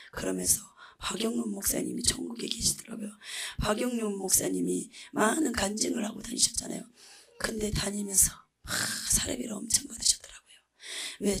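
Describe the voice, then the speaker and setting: A woman giving a religious testimony about heaven and hell, earnest, often dropping into a breathy whisper. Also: mid-range voice, fairly bright tone. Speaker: testimony speaker.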